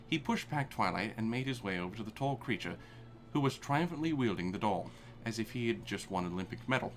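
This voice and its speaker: On a live stream, a man reads fan fiction aloud for laughs, performing it dramatically before breaking off to laugh and swear. His voice is fairly low in pitch, expressive and fairly quick.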